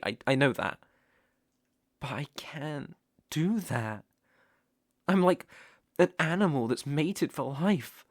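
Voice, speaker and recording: In an intimate ASMR roleplay, a man with a British accent plays an obsessive, tender yandere stalker, softly possessive and lovesick. His slightly high voice is slow, coaxing and creaky, often dropping to a whisper, captured close and dry as a full character performance with a soothing, possessive mood.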